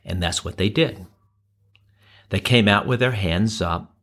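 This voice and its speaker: A man preaching, telling a story in a measured, dramatic manner with shifting tempo. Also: fairly low pitch, a bit bright. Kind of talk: sermon storytelling.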